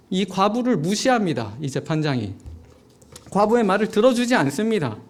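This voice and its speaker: A man, a junior pastor, preaching a storytelling sermon at a midweek church service, speaking directly to the congregation and asking it questions. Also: high voice. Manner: asks the congregation rhetorical questions.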